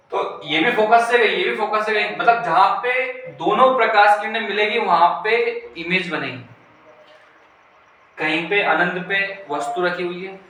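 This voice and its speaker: A man's voice: high voice, pushed and bright. A male physics teacher explaining a lesson, asking questions and answering them himself, repeating key terms. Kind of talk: classroom-style explanation. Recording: echoey room, mic far off, faint hiss.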